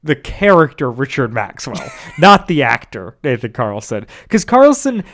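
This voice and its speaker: A man's voice: mid-range voice, wildly swooping pitch, unhurried, fairly bright tone. A man co-hosting a podcast in casual chat, teasing his partner in a dry way. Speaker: podcast co-host.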